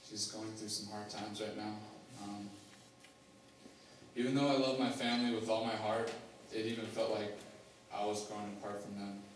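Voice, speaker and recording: A young man giving a personal testimony as a student, halting, with many fillers and restarts. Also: lowish voice, little pitch movement, background noise. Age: young adult. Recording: echoey hall, mic far off, faint ambience.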